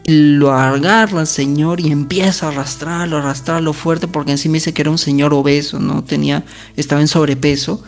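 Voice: medium pitch, steady tone, brisk, soft background music. A narrator casually retelling a ghost story in a conversational way, often tagging lines with questions and fillers.

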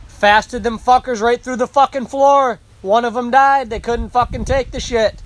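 A man's voice: very high-pitched, fairly even intonation, normal speed, a little hiss or hum, rough recording. A man in a comedic rant, insulting and swearing constantly with angry bursts, recorded outdoors. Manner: aggressive, insulting, heavy swearing, shouting bursts.

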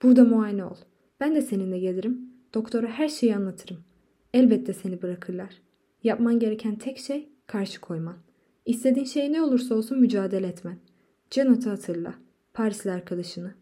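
Woman reading a fierce, tearful wife, insistent, deep mellow voice. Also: fairly quick, lightly acted.

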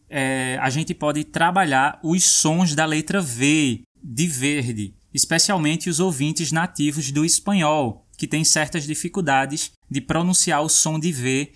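A man hosting a language lesson, explaining and demonstrating pronunciations clearly. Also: on the high side, fairly bright tone. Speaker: host.

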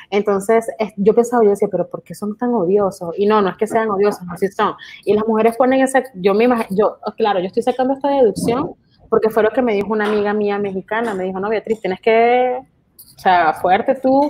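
A young Venezuelan woman co-hosts a relaxed podcast, telling her stories with animation. She acts out what people said to her, with a middle-pitched voice. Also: rough recording. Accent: Venezuelan Spanish. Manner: animated storytelling, acts out quoted lines. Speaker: podcast co-host. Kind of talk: casual chat.

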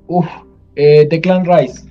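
A man's voice: fairly high pitch, fairly even intonation, slow, soft background music. A man in casual podcast banter, hesitating with fillers as he tries to recall names. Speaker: podcast co-host playing a trivia game. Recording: dull, slightly lo-fi mic.

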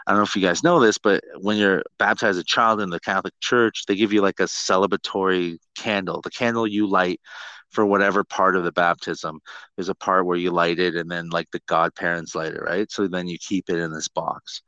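A middle-aged man hosting a podcast, telling stories casually and comically in a sweary, self-mocking, animated way. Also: sits low, brisk, no room sound, lo-fi sound. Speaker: podcast host.

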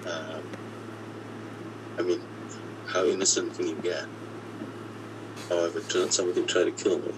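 A man whose voice has been disguised and pitched deep, telling his own story in an interview, halting and often restarting his words. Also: level tone, heavy background noise. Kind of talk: personal account in an interview.

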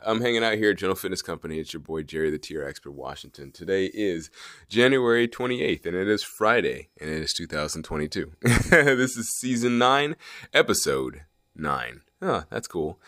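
A man's voice: sits low, a bit bright, no echo, studio quality. A man from the US, a podcast host and personal trainer, opening his show in an upbeat, rambling way with lots of fillers. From USA. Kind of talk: casual podcast intro. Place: fitness company gym.

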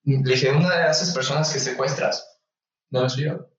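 A young Mexican man, a medical student, telling a story casually and lively, acting out the voices of the people in it. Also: medium pitch, moderate pace, distant mic. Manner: animated, acts out voices in anecdotes. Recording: echoey room, voice off-mic, slightly dull.

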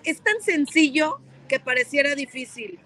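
A woman's voice: high voice, animated, normal speed, fairly bright tone, rough recording. A woman on a podcast panel, talking emphatically and repeating her key words. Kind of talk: casual podcast panel talk.

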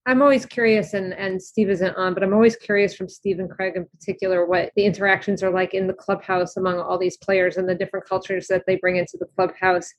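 A woman's voice: medium pitch, little pitch movement, fast talker, few pauses. A woman moderating a panel, asking the guests questions in a curious tone. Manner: curious, inquiring. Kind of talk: posing a question.

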